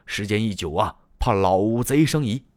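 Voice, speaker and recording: A man's voice: on the low side, animated, normal speed, a little mellow, no echo, clean studio sound, lightly acted. A male storyteller voicing a lovestruck, anxious young warrior general who talks in earnest, fretful exclamations.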